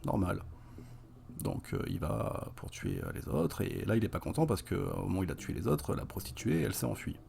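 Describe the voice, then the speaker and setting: A young man with a deep, gravelly voice walks through a horror film for a review. He talks in a chatty, wry way, full of fillers and little asides. His low voice has a rough texture. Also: huge pitch swings, brisk, hardly any pauses, noisy background. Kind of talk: casual spoken film review.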